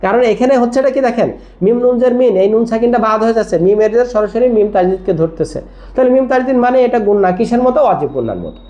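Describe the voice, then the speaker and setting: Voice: medium pitch, expressive, rapid-fire, mellow, highs cut off. A Quran recitation teacher giving a tajweed lesson, spelling words out letter by letter, drilling them, and often checking in with the listener. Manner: asks frequent check-in questions.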